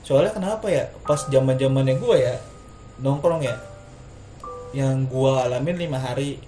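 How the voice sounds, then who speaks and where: A man, chatting casually about a haunted rental and quizzing his guest in fast slangy talk. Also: mid-range voice. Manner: fast, slangy Jakarta street talk, lively asides. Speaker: interviewer. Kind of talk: casual storytelling chat. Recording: echoey room with music underneath.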